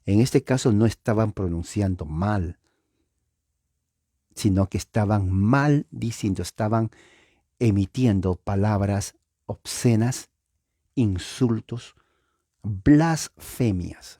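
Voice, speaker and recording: Slow, husky-voiced male Bible teacher. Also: on the low side, dark tone, no echo, studio quality. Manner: explains word meanings, checks understanding with "¿se dan cuenta?".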